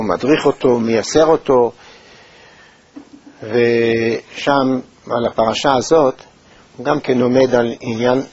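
Man giving a measured Torah lesson. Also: medium pitch, darkish tone, husky, no room sound. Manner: measured, thoughtful delivery with pauses and hesitations. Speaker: Torah teacher. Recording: dull, lo-fi recording.

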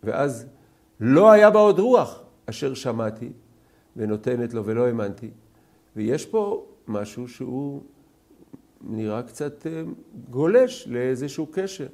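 A man teaching a scripture class, questioning his students and rising to loud, emphatic peaks. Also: mid-range voice, lively intonation. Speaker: Torah teacher.

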